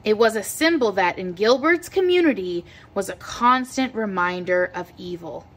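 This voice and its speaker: Reading a children's picture book aloud, a teacher tells the story with expressive, deliberate delivery. Her voice sits in the mid range.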